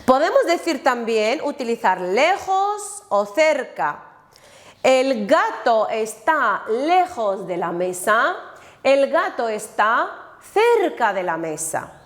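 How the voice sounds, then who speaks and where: A woman teaching a language lesson, slowly and deliberately modeling each word aloud for her students. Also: a little high, very animated. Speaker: Spanish teacher. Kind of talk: recorded classroom lesson. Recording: echoey room.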